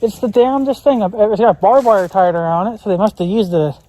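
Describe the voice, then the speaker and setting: An American vlogger in the rural woods rambles and muses aloud in a folksy way, with some mild swearing. His voice is high-pitched, fast and dark-toned. The recording is low quality, with faint outdoor noise in the background.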